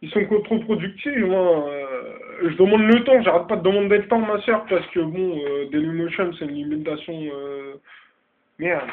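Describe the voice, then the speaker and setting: A man giving a mock-solemn new year address, stopping to laugh, swear at himself and try out joke accents. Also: on the high side. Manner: slow, self-interrupting, swears and laughs at himself. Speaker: amateur video maker. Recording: tinny phone-like lo-fi sound.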